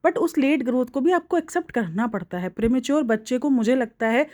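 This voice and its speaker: This young woman has a high voice and a brisk pace as she chats animatedly about online vlogs, voicing strong opinions. The recording has no echo.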